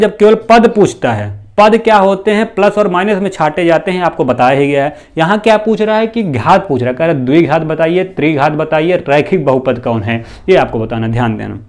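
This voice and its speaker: A male math teacher giving a slow, repetitive classroom lesson, posing questions to the students and answering them himself. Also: fairly high pitch, a little mellow. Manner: often adds "bhaiya" and "theek hai na".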